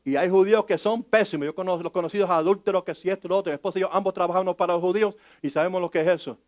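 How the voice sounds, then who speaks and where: A man's voice: high voice, steady tone, racing. A middle-aged man preaching a conversational sermon, telling personal stories and asking the congregation questions. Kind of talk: sermon teaching.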